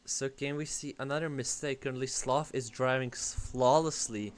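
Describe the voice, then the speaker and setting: A man commentating a sim race on a stream, chatty and relaxed, reading out viewer messages. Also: medium pitch, moderate pace, faint music behind.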